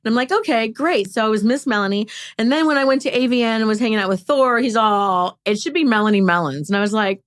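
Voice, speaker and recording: A woman's voice: a little high, quick pace. A middle-aged woman chatting as a podcast guest, laughing often and talking with many fillers. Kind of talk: casual interview chat.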